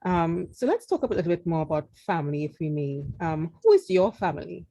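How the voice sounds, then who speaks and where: A woman's voice: lowish voice, sing-song, fairly quick, creaky, warm tone, no echo, poor audio. A woman hosting an interview, asking questions with an affirming, encouraging manner. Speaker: interviewer host.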